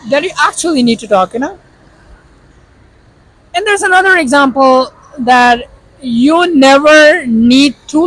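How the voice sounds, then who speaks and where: This vlogger is a man from Pakistan with Urdu as his first language and a Pakistani accent. He explains things earnestly and casually, addressing the viewer directly, in a very high, slightly bright voice. The audio is poor.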